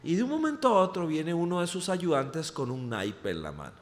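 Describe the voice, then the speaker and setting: Costa Rican male preacher, lively storyteller with a high, swooping voice. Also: brisk. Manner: animated, humorous anecdote-telling. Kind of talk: storytelling sermon. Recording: reverberant hall.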